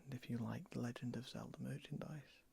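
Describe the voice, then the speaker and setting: An ASMR creator whispering softly and close to the ear while showing and talking about items. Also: medium pitch, fairly even intonation, a little fast, creaky, husky. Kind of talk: whispered ASMR show-and-tell. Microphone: close stereo ASMR microphones.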